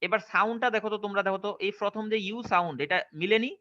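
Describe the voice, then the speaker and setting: Bangladeshi male English teacher, slightly high voice, dull lo-fi recording. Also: fairly even intonation, rapid-fire, pushed and bright. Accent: Bangladeshi Bengali. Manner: questioning, checks understanding often. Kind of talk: online classroom lesson.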